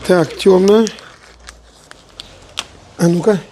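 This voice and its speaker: A woman's voice: fairly low pitch, steady tone, very slow, dark tone, slight background noise, low-quality recording. A woman with an Odessa Russian accent bantering casually as she cooks, playfully bossy and affectionate in a colloquial way. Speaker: home cook in a family food video. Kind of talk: casual banter while cooking.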